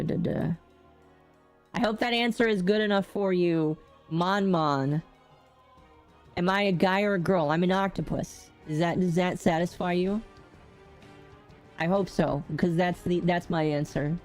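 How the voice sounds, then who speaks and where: A woman's voice: on the low side, a little mellow. A woman streaming a game, talking casually through a voice changer in a chatty, rambling way that often corrects itself. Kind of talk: casual live-stream chat.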